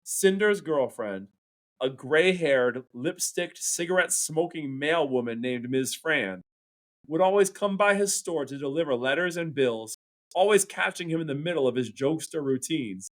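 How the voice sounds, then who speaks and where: Animated male teacher reading aloud. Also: fairly high pitch, moderate pace. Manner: animated storytelling, acts out the dialogue. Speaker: English teacher.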